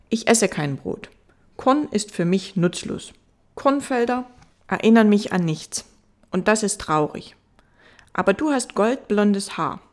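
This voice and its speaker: A woman's voice: medium pitch, pitched above the performer's own voice. The fox, read by a woman. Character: gentle wise fox, patient and wistful.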